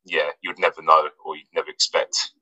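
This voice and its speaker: An English footballer with an extremely low, slightly rough male voice speaks a little fast in a casual interview. He's relaxed and hesitant, with many fillers and restarts, and the audio is poor, with no room sound.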